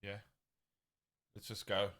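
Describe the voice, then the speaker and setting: A man's voice: takes it slowly, a bit bright. A man playing a tabletop game, casually talking through his character's plans. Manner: casual, planning moves aloud. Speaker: player.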